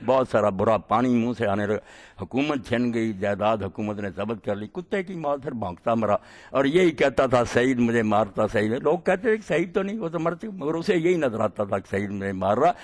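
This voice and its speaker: A man delivering a sermon, telling stories and swinging between quiet passages and emphatic peaks. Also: mid-range voice, lively intonation. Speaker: preacher. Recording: long hall reverb.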